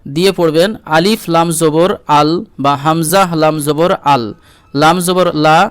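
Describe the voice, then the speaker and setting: High-voiced male Quran teacher, slow. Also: fairly even intonation, clear, resonant tone, no room sound, clean studio sound. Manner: slow syllable-by-syllable spelling, drawn-out melodic recitation. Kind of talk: spelling-and-recitation lesson.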